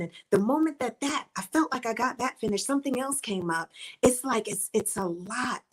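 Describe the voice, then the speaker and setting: A middle-aged woman speaks straight to a close webcam, earnest and encouraging, repeating her points like a coach. Her voice is a little husky at a middle pitch, and she sometimes sinks to a soft near-whisper. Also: low-quality recording. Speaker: author and motivational speaker. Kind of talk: encouraging faith-based talk to camera.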